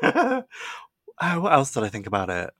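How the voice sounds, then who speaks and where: A man's voice: fairly low pitch, wildly swooping pitch, moderate pace, a bit bright, no echo. A young man, co-hosting a podcast and gushing in casual, filler-heavy chat. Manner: gushing, chatty, lots of fillers. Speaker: podcast co-host.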